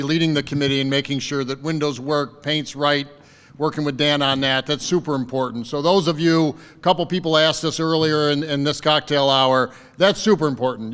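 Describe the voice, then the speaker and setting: A man's voice: a little high, fairly bright tone, smooth, long reverb tail. A man giving a fundraiser speech at a lakeside party, rallying the crowd with repeated calls to commit. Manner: rousing, repetitive rallying calls. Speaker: fundraising campaign speaker. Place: party venue by a lake.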